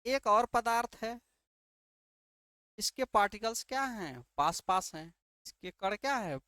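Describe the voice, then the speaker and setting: An expressive male teacher with a high-pitched, sharp yet smooth voice takes his time through an exam-prep lesson, captured dry at studio quality. He answers his own rhetorical questions, repeats key terms often, and asks "ठीक है" to confirm understanding.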